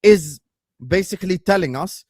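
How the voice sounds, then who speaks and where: High-voiced man in heated pundit debate. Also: moderate pace, breathy edge, no room sound, studio quality. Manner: combative, interrupting, repeats himself. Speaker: football fan pundit.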